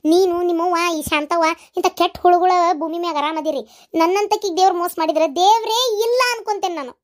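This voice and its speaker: Cartoon: actor playing a scheming, boastful mother-in-law; very high, shrill, North Karnataka accent, scolding. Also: fairly even intonation, fast talker. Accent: North Karnataka Kannada. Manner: scolding, sharp-tongued, boastful. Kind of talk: comic cartoon voice acting.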